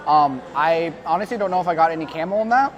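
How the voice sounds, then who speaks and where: Dude with a high voice rating food, chatty and halting, busy crowd around him outdoors. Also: male voice, dull audio. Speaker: food review vlogger. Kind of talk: casual food review chat. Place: outdoors at a theme park. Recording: outdoor vlog amid crowd noise. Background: crowd noise.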